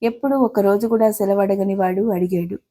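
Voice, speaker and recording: A woman's voice: medium pitch, steady tone, fairly quick, warm tone. A middle-aged woman reading a family story aloud, voicing the characters' lines in her own voice. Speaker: story narrator. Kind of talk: scripted storytelling narration.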